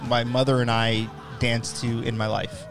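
Male podcast co-host, gravelly, easygoing banter, with music clearly audible underneath. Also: medium pitch, flat delivery, moderate pace. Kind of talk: casual chat. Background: recorded music.

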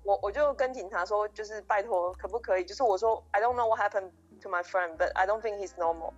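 A young woman rushes through a story, piling on restarts and acting out what people said. Her voice is a little husky, and the recording sounds slightly dull, with faint music underneath. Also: medium pitch. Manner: animated, breathless retelling with many restarts and quoted dialogue. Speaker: podcast co-host. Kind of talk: casual storytelling chat.

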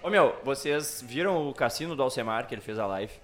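Male podcast guest, bright voice, mid pitch, joking storyteller with impressions. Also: lively intonation, fairly quick, faint music behind. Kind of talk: casual bar-table chat.

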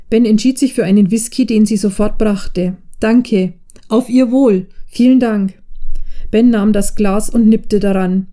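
A woman narrating a novel in a steady storytelling manner. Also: on the high side. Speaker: audiobook narrator. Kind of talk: scripted narration.

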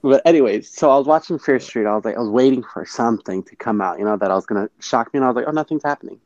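A man's voice: medium pitch, rapid-fire, darkish tone, no room sound, dull audio. A man chatting casually with a co-host about a film. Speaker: podcast co-host. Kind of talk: casual chat.

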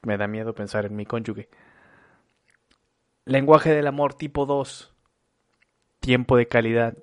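A man's voice: mid-range voice, a little slow, no echo. A man livestreaming as he reads a book aloud and comments casually, joking and swearing. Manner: swears often, joking, reacts with laughs.

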